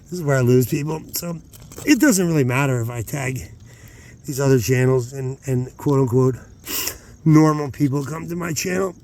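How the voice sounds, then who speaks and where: A mid-range, slightly mellow male voice at normal speed belongs to the host of an outdoor vlog. Rockhounding at night, he chats casually in a hesitant, meandering way, regularly interrupting himself.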